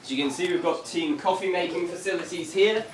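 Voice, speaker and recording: A high-pitched man speaks a little fast in a steady tone, briefing a group informally as the guide on a ghost tour vigil. He comes across as wry and dryly funny, with a slightly mock-formal touch. Faint noise and room echo come through the far-off camera mic indoors.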